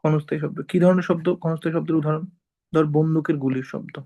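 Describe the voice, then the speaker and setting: Gravelly, slightly high male teacher. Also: little pitch movement, very fast, warm tone, muffled recording. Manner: explains step by step, often checks with "ঠিক আছে?". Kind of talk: informal classroom lecture.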